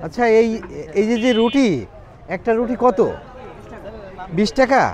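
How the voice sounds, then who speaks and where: A man with a high voice presents as a roving vlog host out in a market. He chats casually, puts simple questions to people and echoes their replies back to check them. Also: a little slow, a little mellow. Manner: repeats answers back as questions. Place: outdoors at a busy village market.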